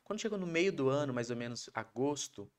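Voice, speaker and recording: A Brazilian man, a podcast guest, telling a personal story in a casual, animated way, acting out his wife's lines. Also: mid-range voice, fairly quick, clear, resonant tone. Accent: Brazilian Portuguese. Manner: animated, acts out quoted voices of his wife.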